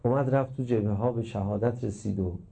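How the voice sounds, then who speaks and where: A middle-aged man preaching a religious sermon, emphatic and impassioned, mixing teaching with stories and swinging between loud and hushed. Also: fairly low pitch, creaky.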